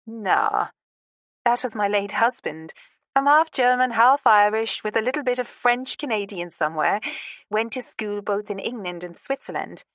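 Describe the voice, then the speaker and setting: A woman's voice: mid-range voice, animated, moderate pace, fairly bright tone, dry recording, studio quality. A woman voicing a confident, glamorous woman who speaks in a charming, breezy way.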